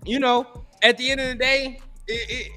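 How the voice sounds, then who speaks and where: A man's voice: very high-pitched, sing-song, normal speed, creaky, pushed and bright, soft background music. A young man chatting casually about sports as a show panelist, in laid-back, slangy bro talk.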